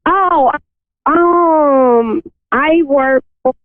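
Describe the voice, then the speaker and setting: A woman's voice: sits high, drawn-out words, dry recording. A woman caller speaking hesitantly over a crackly phone line that keeps fading in and out. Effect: crackly phone line that fades in and out. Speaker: caller to a psychic show. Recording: tinny cutting-out phone call.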